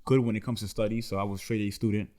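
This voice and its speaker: A Dominican man in his twenties, a podcast guest, tells his life story in a casual interview chat, earnest and full of slang. His lowish, warm voice holds a steady tone while the words come out at a racing pace.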